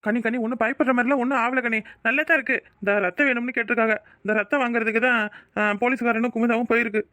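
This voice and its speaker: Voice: mid-range voice, fairly even intonation, fast, bright, forceful tone, dry recording, lightly acted. A performer voicing a blunt, scolding older village uncle in a cartoon, with a Tirunelveli Tamil accent. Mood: grave. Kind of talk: cartoon voice acting.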